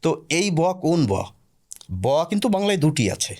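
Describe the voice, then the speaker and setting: A man talks as a guest on a podcast, and he explains patiently and step by step. His pitch rises and falls a great deal, and his voice sits a little high for a man. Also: very animated, normal speed, darkish tone. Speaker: guest expert on language. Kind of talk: explanatory conversational interview.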